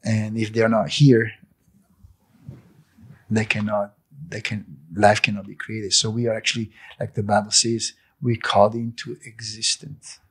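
The speaker is a cafe owner in his sixties, not a native English speaker, preaching emphatically through an interview in his living room while his hands gesture. His voice is on the low side, husky and a bit bright, delivered in a monotone and a little slowly into a fluffy handheld interview mic.

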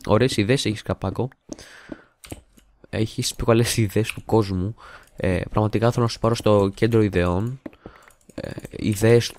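A young man hosting a gaming video in casual, jokey commentary, rambling, muttering and humming to himself while he builds, recorded on a desktop mic at home. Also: on the low side. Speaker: gaming channel host. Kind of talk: casual let's-play commentary. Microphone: desktop studio mic.

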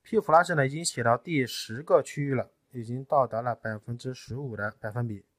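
A man in a technical tutorial, explaining each step patiently and often pausing with fillers. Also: medium pitch, fairly bright tone, dry recording. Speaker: tutorial presenter. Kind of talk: screen-recorded technical tutorial.

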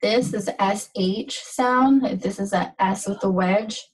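A woman teaching a pronunciation lesson, speaking slowly and carefully and repeating each sound and word. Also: mid-range voice, husky, recorded from a distance, rough recording. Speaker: language teacher.

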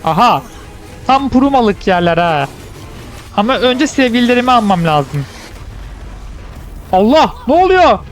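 Young male gaming commentator, high voice, playful and loud, faint music behind. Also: unhurried, long pauses. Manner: playful, chatty, shouts excitedly in fights. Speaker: gameplay commentator. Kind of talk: let's play commentary.

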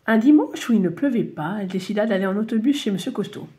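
A woman reading a children's storybook aloud, animated and playful. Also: mid-range voice, fast talker.

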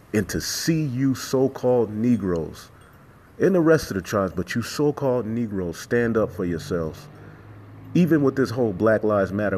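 Casting: male religious teacher, somewhat low voice, emphatic, repetitive, profane informal sermon. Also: a little mellow. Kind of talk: informal sermon with scripture reading and commentary.

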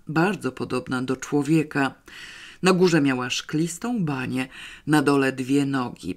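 Brief: narrator for a comic novel, dry humor, mid pitch. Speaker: audiobook reader. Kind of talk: scripted narration.

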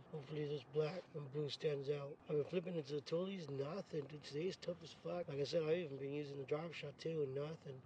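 A man's voice: on the high side, warm tone, dull audio, slight background noise. A young man chatting casually as he drives and fishes from a kayak, talking into a body-mounted action camera and swearing now and then. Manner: laid-back, swears casually. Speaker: fishing vlogger. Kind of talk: casual vlog chat. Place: in a pickup truck, then on a kayak on a lake outdoors. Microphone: action camera mounted on him.

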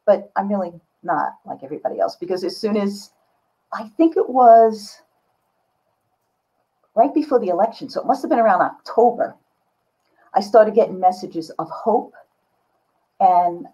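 Over slightly dull video-call audio, an older woman artist with a mid-range, slightly rough voice talks casually and candidly as an interview guest. The conversation is reflective and takes place indoors in a home studio lined with books.

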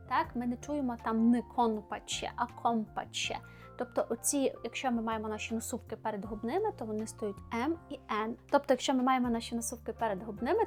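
Жінка-викладачка, що чітко вимовляє звуки. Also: female voice, fairly high pitch. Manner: clear, patient, demonstrative, repeats sounds slowly. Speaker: Polish language teacher. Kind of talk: explaining pronunciation to camera.

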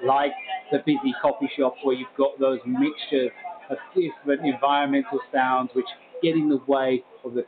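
Heard on a call through a bluetooth earbud mic, a man who reviews tech gear chats about products from a busy indoor coffee shop. His voice is medium-pitched and the audio is narrow and tinny. He thinks aloud and gives small laughs as he talks.

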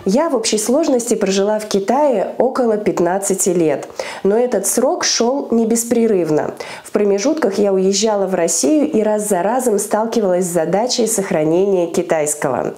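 This teacher, a Chinese language instructor in her thirties who runs her own school, has a medium-pitched, warm voice and keeps a moderate pace. Her cheerful, scripted lesson is filmed in a small room with a lapel mic, and she gestures as she clearly ticks off each item.

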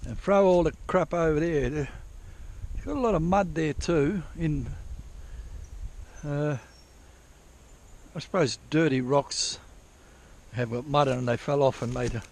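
Outdoors with a head-mounted action camera, a prospecting vlogger wanders verbally through old diggings, correcting himself and dropping casual swears. His voice is on the high side, slow, gravelly, and a little mellow, with frequent pauses.

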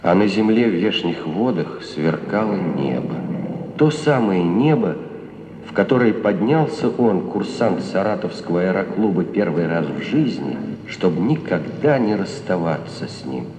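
A man's voice: low voice, big pitch swings, unhurried, a little mellow, slight background noise. A man reading scripted, lofty narration for an old documentary film. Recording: echoey old film soundtrack, long reverb. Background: music.

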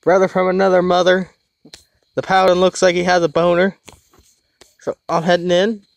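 A man hosting a gaming channel, giving casual co-op play commentary with goofy, excitable chatter and crude jokes. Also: high-pitched, normal speed, creaky, dry recording.

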